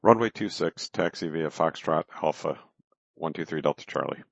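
A very low-voiced man speaks as a pilot through a cockpit headset, reading back clearances in a clipped, methodical way. His transmission comes through dull and muffled, and completely dry with no room sound. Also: moderate pace, dry recording. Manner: clipped, methodical, with small hesitations. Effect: pilot transmitting over a cockpit headset radio. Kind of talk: aviation radio calls and readbacks.

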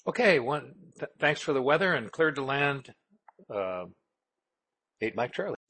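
A man's voice: medium pitch, very animated, unhurried, pushed and bright. A man calling the tower as a pilot over the radio, hesitant and sprinkled with fillers. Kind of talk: radio calls to air traffic control.

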